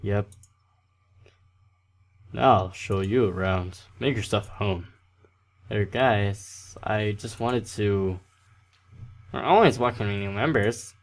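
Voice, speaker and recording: An eager teenage club leader, smug and welcoming, voiced by a man in his own low-ish voice while reading a game aloud. The delivery stays close to plain speech with slight lilts. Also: slow pace, pauses often.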